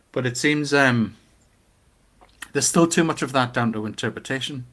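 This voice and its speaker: A middle-aged man with a Newcastle Geordie accent, chatting casually and giving his opinions in an animated way, with rhetorical questions. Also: medium pitch, a little slow. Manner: animated storytelling with acted-out quotes and rhetorical questions.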